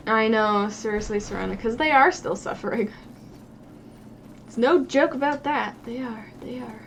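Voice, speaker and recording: This young woman's voice runs on the high side as she plays a game on stream at a moderate pace, cursing and addressing the characters in casual commentary. The stream audio is noisy.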